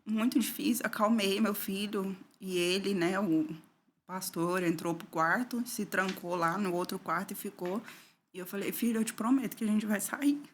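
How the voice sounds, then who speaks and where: A middle-aged Brazilian woman speaks as an interview guest, sharing an emotional personal story at a moderate, steady pace. At the painful moments her voice sinks low, soft and tearful, with slight background noise in the recording.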